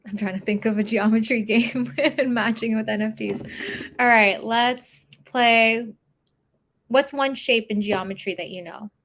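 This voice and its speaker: A young adult woman co-hosting a podcast, telling stories in a lively, casual way and laughing easily. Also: fairly high pitch, a little slow. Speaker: podcast co-host. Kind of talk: casual chat.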